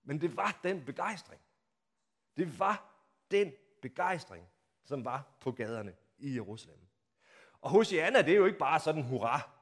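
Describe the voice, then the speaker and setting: A man delivers a sermon as vivid storytelling, his somewhat high voice leaping up and down in pitch. He drops to near hushes and then rises to loud, acted-out crowd cries. Rhetorical questions pull the listeners into the scene. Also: expressive. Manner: dramatic storytelling, acts out crowd shouts. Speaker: pastor. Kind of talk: Palm Sunday sermon.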